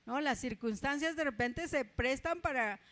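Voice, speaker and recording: A Mexican woman with a Mexican accent preaching a conversational sermon, often tagging her points with a quick aside and telling personal stories with humor. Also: sits high, a bit bright. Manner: chatty, tags asides with ¿verdad?, tells personal stories with humor.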